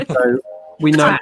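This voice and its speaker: A man's voice: a little high, slight background noise. A British man hosting a live stream in a casual, chatty style. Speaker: host.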